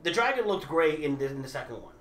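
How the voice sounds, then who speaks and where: Quick and on the high side, this man's voice carries over soft background music. He is in his thirties, grew up overseas with Italian as his first language at home, and argues for Harry Potter in a casual debate full of restarts, animated and gesturing a lot. He sits in an echoey small room crammed with movie memorabilia.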